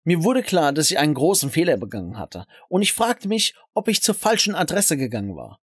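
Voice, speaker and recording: A man's voice: a little high, big pitch swings, fairly quick, husky, dry recording, clean studio sound. A man narrating a first-person story in a scripted, dramatic way.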